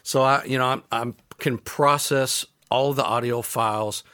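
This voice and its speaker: A man with a Southern US accent, an audio engineer guest, calmly explaining technical steps in casual chat. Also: medium pitch, unhurried, smooth, no room sound, clean studio sound. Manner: calm, explanatory, practical.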